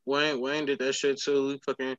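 A man's voice: mid-range voice, flat delivery, normal speed, fairly bright tone, no room sound. A man co-hosting a podcast in casual chat, joking, laughing a lot and repeating himself. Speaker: podcast co-host. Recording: dry, muffled.

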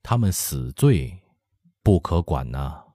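A cold, commanding emperor speaks slowly in a deep, quiet voice, as a man acts him out. The storybook reading sounds close and dry. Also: sing-song, no room sound, heavily acted. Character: stern, cold middle-aged male emperor.

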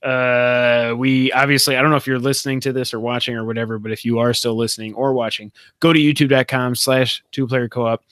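A man's voice: medium pitch, little pitch movement, a little fast, few pauses, a bit bright, no room sound, clean studio sound. A man hosting a gaming podcast, plugging links in an upbeat way while losing his voice. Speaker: podcast host. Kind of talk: casual podcast sign-off.

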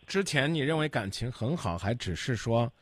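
A man's voice: medium pitch, expressive, normal speed, no room sound. A man hosting a radio call-in show, asking direct questions and steering the caller. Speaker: radio advice host.

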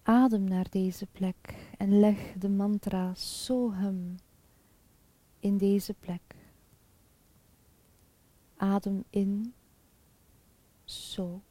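A woman guiding a chakra meditation in a soft, calm, half-whispered spa-like voice with long pauses. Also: mid-range voice, no echo. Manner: slow, calm, soothing, with pauses. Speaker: meditation guide.

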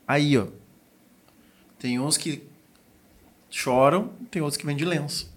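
A man's voice: a little high, takes it slowly. A man hosting a podcast, giving blunt motivational advice in casual slang. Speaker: podcast host.

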